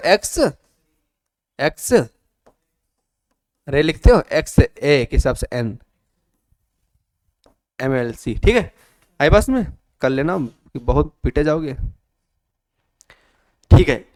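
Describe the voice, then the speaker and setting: A man teaching an English grammar lesson, coaxing students and repeating their answers in a lively classroom manner. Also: fairly high pitch, no room sound, studio quality.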